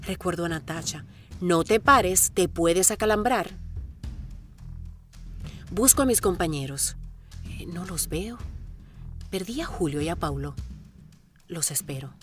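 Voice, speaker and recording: A middle-aged woman narrates her marathon in the first person, with reflective inner-monologue narration and sudden bursts of excitement. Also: fairly low pitch, measured pace, long pauses, faint music behind.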